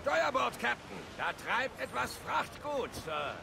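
An actor playing a male pirate ship crewman who shouts orders to his captain, in a gravelly bellowing voice. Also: very high voice, sing-song, takes it slowly, full character voice. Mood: barking orders. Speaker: ship crew in a game. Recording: noisy distant game audio with sea sounds.

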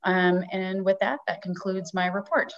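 A woman giving a committee report as vice chair at an online board meeting, speaking in a measured way with frequent ums. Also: medium pitch, level tone. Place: home room on a video call. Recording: dull, lo-fi video call audio.

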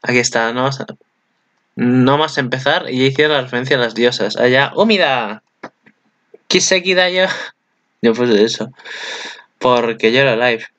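A man's voice: mid-range voice, level tone, moderate pace, fairly bright tone, muffled recording. A man, chatting casually as channel host in a rambling way, often correcting himself. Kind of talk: casual anime commentary.

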